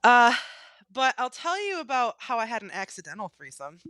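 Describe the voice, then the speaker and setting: A woman's voice: fairly high pitch, big pitch swings, normal speed, fairly bright tone, no room sound, clean studio sound. A woman hosting a podcast, talking candidly and laughing easily in casual chat. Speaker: podcast host.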